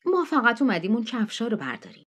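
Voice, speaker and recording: An unwell woman who reluctantly turns down every offer, voiced by a woman narrator. She speaks quietly and sits above the narration in pitch. Her tone is withdrawn. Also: wildly swooping pitch, breathy edge, exaggerated voice.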